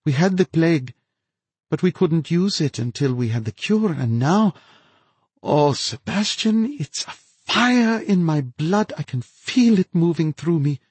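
A man voicing a feverish, unhinged woman scientist who gloats in a high, breathy, lilting voice. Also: expressive, measured pace, darkish tone, no echo. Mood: gloating.

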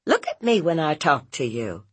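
A woman voices a fierce, blunt, protective aunt in a story, scolding emphatically in a folksy, interrogating manner. Her exaggerated voice sits low and is slightly rough, with big pitch swings at normal speed. She sounds exasperated and concerned.

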